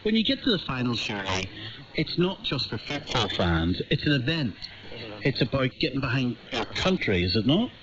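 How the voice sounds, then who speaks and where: A man's voice: medium pitch, big pitch swings, moderate pace, muffled recording, crowd noise. A man hosting a live news discussion, presenting headlines and putting questions to panel guests. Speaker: host.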